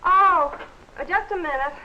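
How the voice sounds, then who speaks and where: A woman's voice: very high voice, measured pace. A woman playing a curt, impatient person answering the phone in a 1940s instructional film. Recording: dull old film soundtrack with clear hiss.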